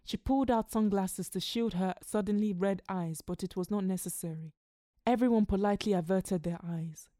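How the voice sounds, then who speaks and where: A woman's voice: mid-range voice, no room sound, clean studio sound. Woman reading a literary story aloud. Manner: measured, expressive narration. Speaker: story reader.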